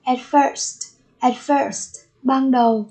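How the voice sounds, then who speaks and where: A woman's voice: sits high, steady tone, a little mellow, poor audio. A woman teaching an English lesson, saying each word twice and then explaining it. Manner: repeats each word slowly, then glosses it. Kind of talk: vocabulary lesson.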